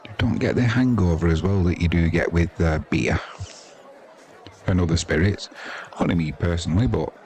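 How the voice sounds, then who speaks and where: Crowd noise carries beneath a low, darkish male voice that moves at a moderate pace and pauses often. The speaker is an older Brit in his 50s or beyond, a sports commentator giving relaxed ball-by-ball cricket coverage that rambles along in chatty, colloquial fashion.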